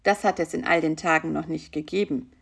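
A woman reading a children's story aloud, calm and unhurried. Her voice has a gravelly, slightly fried edge, and she narrates softly. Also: deep voice. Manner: calm, slow, soft narration.

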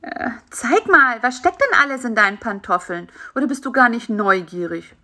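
A woman doing a squeaky, cheeky fly. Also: moderate pace. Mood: nosy. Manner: excited, squeaky, scolding. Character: cheeky, nosy, bossy male fly. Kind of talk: children's story reading.

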